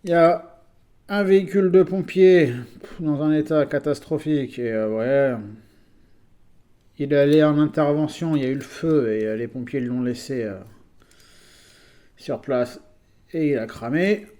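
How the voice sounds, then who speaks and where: A man from France shows off his toy vehicle collection in a casual video, chatty and full of hesitations and fillers. His slightly high, dark-toned voice is unhurried, with frequent pauses.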